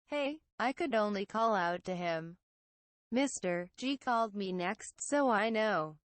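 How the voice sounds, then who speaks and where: Scared young guy telling about creepy calls, read by a woman, slow and halting. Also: mid-range voice, animated, no room sound, close to an everyday voice. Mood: uneasy.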